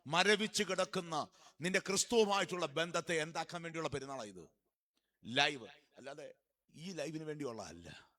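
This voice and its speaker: A man preaching a sermon in church during a feast. He keeps firing questions at the congregation and answering them himself, and he swings from soft murmurs to loud exhortation. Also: fairly high pitch, expressive, moderate pace.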